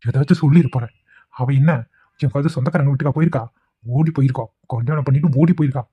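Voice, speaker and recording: A bullying middle-aged son, played by a man in a cartoon, harsh and threatening. His husky voice rushes along. The sound is dull and dry. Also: mid-range voice, no room sound, lightly acted. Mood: angry. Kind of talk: cartoon voice acting.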